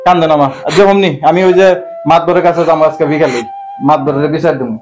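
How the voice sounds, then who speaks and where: Male actor as a struggling village father, mournful, slightly high voice. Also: fast talker, darkish tone, soft background music, natural voice. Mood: lamenting. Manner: lamenting, pleading to God. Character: poor widowed laborer father, weary. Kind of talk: amateur village drama acting.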